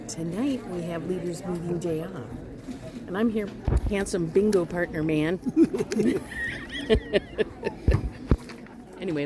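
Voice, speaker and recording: A woman chatting casually as a vlogger, with a chirpy, exclaiming manner. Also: lowish voice. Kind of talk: casual vlog chat. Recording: noisy handheld vlog with ambient sound. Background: clear background noise.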